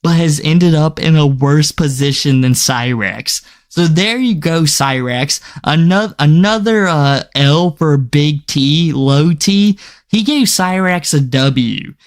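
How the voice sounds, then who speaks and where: A man's voice: on the high side, slow pace. A young man giving casual reaction commentary to his viewers, talking loosely with frequent stammered restarts. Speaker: commentary YouTuber.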